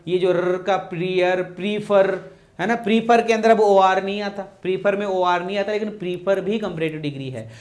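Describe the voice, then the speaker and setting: A man's voice: sits high, darkish tone. A man teaching English grammar in a classroom lecture, repeating key phrases and quizzing his students.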